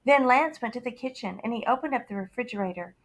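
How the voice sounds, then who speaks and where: A woman teacher reading a picture book aloud to her students, expressive with dramatic pauses and sudden shouts. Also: a little high, low-quality recording.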